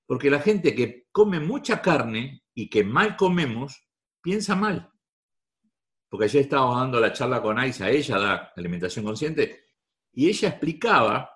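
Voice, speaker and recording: Man, Rioplatense accent, lively sing-song pitch, repetitive preachy delivery, live talk. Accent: Rioplatense Spanish. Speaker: motivational speaker.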